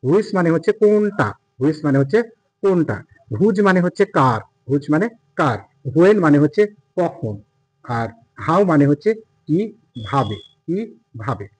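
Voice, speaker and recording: A man's voice: fairly high pitch, sing-song, normal speed, darkish tone, husky, dry recording, rough recording. A man teaching an English lesson, patiently repeating words and counting aloud. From India. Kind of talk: classroom lesson explaining pronunciation.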